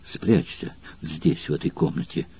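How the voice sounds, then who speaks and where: A man with a husky voice reading the lines of a passionate noble Roman woman in an audiobook, soft and anxious, often near a whisper. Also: fairly low pitch, animated, normal speed, no echo, dull audio.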